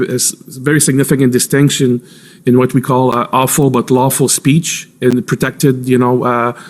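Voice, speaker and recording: A man answers cross-examination in a flat, mid-pitched voice. He is a formal, careful witness for a government agency, halting often and repeating words as he works toward precise phrasing. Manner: careful, halting, hedged with frequent pauses and repeats. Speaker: intelligence agency official testifying as witness. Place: formal public inquiry hearing.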